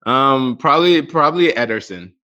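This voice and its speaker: A man's voice: mid-range voice, lively intonation, moderate pace, sharp tone, lo-fi sound. A man talking football casually as a panelist, hesitant and repeating his phrases. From Ghana.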